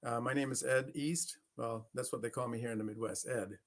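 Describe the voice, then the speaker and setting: A man from Panama, introducing himself casually on a video call in a relaxed way, drawing out some words. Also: medium pitch, fairly quick. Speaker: panel co-moderator.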